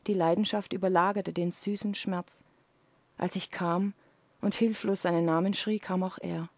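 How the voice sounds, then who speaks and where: A woman reads an intimate passage from her own novel in a low, hushed voice. The sound is dry and close, with no room around it. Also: steady tone, normal speed, dry recording. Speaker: author reading her own novel on the radio. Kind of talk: dramatic reading of an erotic novel.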